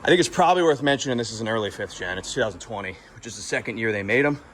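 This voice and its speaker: A man's voice: lowish voice, very fast, a bit bright, echoey room, a little hiss or hum. A young man hosting a casual garage vlog, chatty and rambling with lots of fillers, a bit out of breath. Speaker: garage channel host. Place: home garage.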